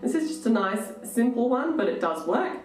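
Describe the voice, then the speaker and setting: A woman's voice: fairly high pitch, very animated, moderate pace, over music. Echoey, encouraging woman singing coach. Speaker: singing coach, host of an online tutorial show. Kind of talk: instructional lesson to camera. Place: small home room, indoors. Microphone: microphone on boom stand, close in front. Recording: roomy echo, somewhat distant from microphone. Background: electronic keyboard notes at times.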